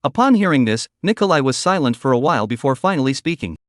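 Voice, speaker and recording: A man narrating a dramatic recap story in a scripted, animated reading style. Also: medium pitch, fast, no echo, clean studio sound.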